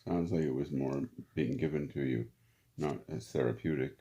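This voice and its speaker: A man interviewing, who offers quiet, brief questions and acknowledgements. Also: a bass voice, normal speed, highs cut off.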